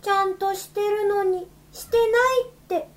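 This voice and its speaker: A woman voicing a small, dim, cheerful scrubbing-brush creature with a squeaky, babyish voice in a comedy skit. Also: flat delivery. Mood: childish, chirpy. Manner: squeaky babyish chirps, drawn-out slow speech.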